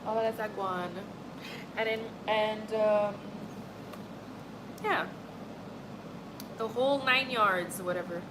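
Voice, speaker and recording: Taking it slowly with long pauses, a young livestream host from Montreal, Canada, chats with her live audience in a mid-range voice. She rambles amiably, saying "like" and "honestly" often, and background noise can be heard.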